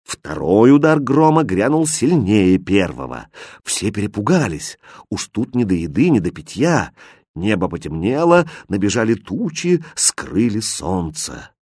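A man reading a fairy tale aloud as narrator, in an expressive, lively storybook style. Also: on the low side, unhurried, slightly rough, dry recording, studio quality.

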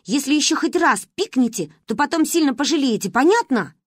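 A woman's voice: sits high, animated, a little fast, no room sound, studio quality, voice pushed up. A woman voicing a stern, irritable older sister who gives clipped, menacing warnings in a storybook reading.

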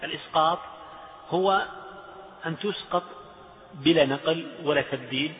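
Speaking at a normal speed, a male teacher, a sheikh with a somewhat high voice, explains the rules of Quranic recitation to his class. He chants verses, goes over examples repeatedly, and quizzes the students, with the sound echoing in a hall and coming through a tinny line.

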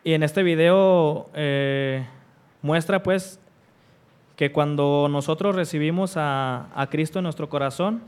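A man delivering a sermon, his voice pitched a little high and smooth, with a clean, resonant tone. He drives home each repeated refrain with rising force. When he reads scripture, he slows into deliberate, measured pauses. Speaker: preacher.

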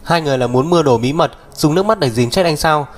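Đàn ông đóng người anh trai hay lên lớp. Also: male voice, fairly high pitch, fast, pitched above the performer's own voice, natural voice. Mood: exasperated. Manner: firm, lecturing. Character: young man, protective bossy older brother.

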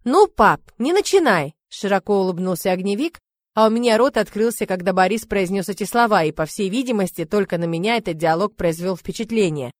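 A woman narrating first-person fiction aloud, lively and expressive in her delivery. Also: mid-range voice, quick pace, no echo, clean studio sound. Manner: lively, expressive, indignant at times. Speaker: audiobook narrator.

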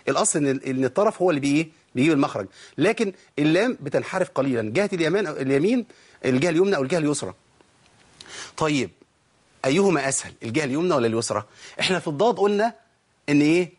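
Egyptian male tajweed teacher, quick delivery, fairly high voice, quizzes the class. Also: husky. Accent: Egyptian Arabic. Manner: explains with repeated questions to the listeners, demonstrates sounds. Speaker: Quran recitation teacher. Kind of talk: tajweed lesson.

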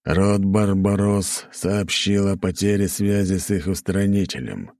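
A man voicing a wrathful, proud demon king who speaks in slow, booming proclamations. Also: a little mellow, no room sound, studio quality. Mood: grave.

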